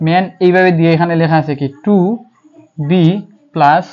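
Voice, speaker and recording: A man's voice: fairly high pitch, steady tone, a little slow, soft background music. A man with a Bangladeshi accent teaching English grammar. He asks questions and answers them himself, and spells words out letter by letter. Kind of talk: classroom-style lecture. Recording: slightly dull, lo-fi.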